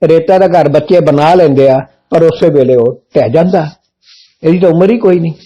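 A man's voice: fairly high pitch, normal speed, dark tone, muffled recording. A man preaching a religious sermon in a blunt, emphatic, military-style way, often asking rhetorical questions. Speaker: Sikh preacher.

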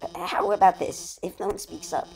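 A woman's voice: fairly low pitch, fairly even intonation, normal speed, creaky, dark tone, low-quality recording. Woman voicing a stammering, nervous reptile teacher. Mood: nervous, hesitant. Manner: hesitant, stammering. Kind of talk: amateur game dialogue read-aloud.

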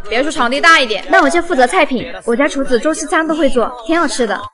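A self-assured, generous rich schoolgirl acted by a woman, speaking quickly in a slightly high voice. It is a short skit with busy crowd noise behind. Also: animated. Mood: confident.

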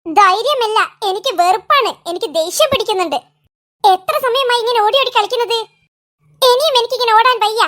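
A woman's voice: very high voice, brisk, a bit bright. A woman voicing a bold, hot-headed little boy in a cartoon, talking in a blustering, boastful way. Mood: angry. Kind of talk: cartoon voice acting.

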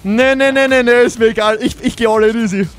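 A young man hosting a multiplayer game session, talking excitedly, laughing and shouting as he plays. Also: very high-pitched, fast talker, faint music behind. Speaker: gaming host. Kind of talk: excited multiplayer gameplay chat.

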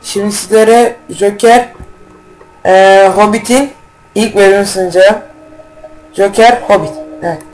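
A man giving casual, rambling let's-play commentary as a gaming YouTuber, slangy and quick to get irritated, with faint game music behind him. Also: high-pitched, steady tone, rough recording.

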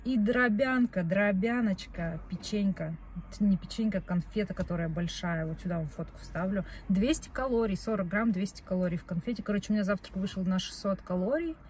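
This young woman's mid-range voice is brisk and a little mellow, and slight background noise is audible. She's a vlogger speaking casually to a phone camera on her parked car's dashboard, rambling along and fixing her own words as she goes.

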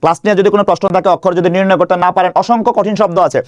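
A man's voice: high voice, fairly even intonation, racing, dry recording. A man teaching Bangla grammar in an online video lesson, drilling students with repeated questions and answers. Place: indoor room.

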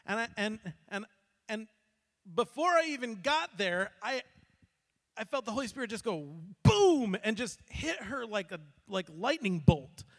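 High-voiced man preaching in an echoey hall. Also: unhurried. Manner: animated, acts out quotes, frequent restarts. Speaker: pastor. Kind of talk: sermon storytelling. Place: church sanctuary. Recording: long hall reverb.

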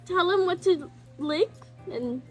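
A woman's voice: extremely high pitch, takes it slowly, soft background music. A woman in her twenties hosting a casual chat, reading messages aloud and commenting in an informal, slangy way. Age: 20s. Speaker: host reading viewer confessions.

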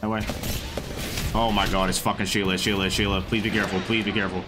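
A young man streaming a video game, chattering with teammates in excitable, sweary, repetitive bursts. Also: on the low side, quick pace. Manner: excitable, sweary, repeats himself in short bursts. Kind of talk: live gaming chatter with teammates. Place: indoor room, streaming setup. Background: game music and sounds.

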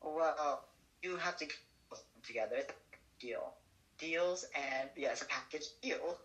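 A man's voice: a little high, a little slow, fairly bright tone. A man co-hosting a podcast in casual chat, his audio crackling and cutting out, talking in playful, self-promoting banter. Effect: crackly connection with audio cutting out. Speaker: podcast co-host.

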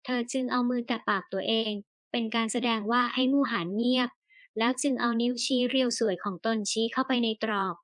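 Woman narrating an audiobook with a fairly high voice. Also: steady tone, a little fast, fairly bright tone, no room sound.

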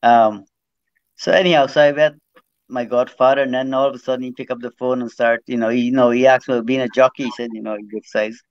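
A man's voice: mid-range voice, steady tone, a little fast, no room sound. Give me a middle-aged man telling a long story over a video call, slightly muffled. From Trinidad, grew up in Guyana. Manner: rambling, repeats words while recounting. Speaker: guest, former jockey.

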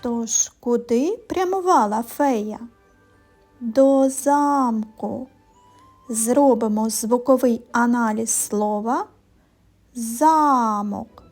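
A woman teaching a phonics lesson to young children, explaining sounds slowly and clearly in a sing-song way. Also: a little high, darkish tone, faint music behind. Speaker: primary school teacher.

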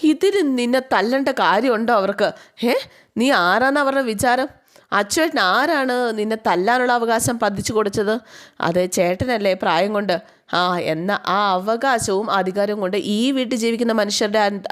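A woman's voice: medium pitch, moderate pace, close to an everyday voice. A woman voicing a fiercely protective elder sister who scolds in indignation. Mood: indignant.

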